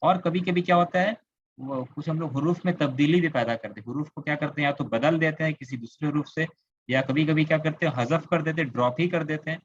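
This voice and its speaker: A man's voice: a little high, fast talker, no echo, muffled recording. Kolkata-accented man teaching an online class. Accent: Indian, Kolkata. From India. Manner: explanatory, repeats words, asks students questions. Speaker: Arabic grammar teacher. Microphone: computer mic on a video call.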